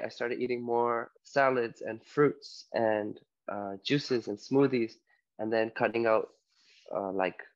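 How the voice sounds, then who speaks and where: A man's voice: medium pitch, lo-fi sound. A man from Canada, a guest health coach, talking casually and loosely with many fillers over a video call. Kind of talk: casual interview talk. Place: home on an island in Spain.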